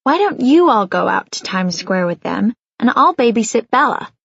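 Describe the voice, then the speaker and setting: Woman reading a gentle, hopeful teenage boy. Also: on the high side, very animated, normal speed, gravelly, husky, no room sound, lo-fi sound, exaggerated voice. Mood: coaxing.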